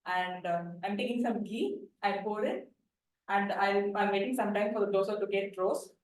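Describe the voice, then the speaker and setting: A woman's voice: mid-range voice, fairly even intonation. Woman narrating, far in echoey hall. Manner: narrates actions step by step with pauses. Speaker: volunteer participant. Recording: echoey hall, far from mic, faint noise.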